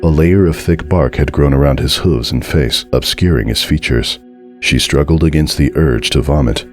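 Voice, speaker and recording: Over background music, an exceptionally deep-voiced male narrator reads a horror tale. His telling is slow and deliberate, dramatic, and full of suspense.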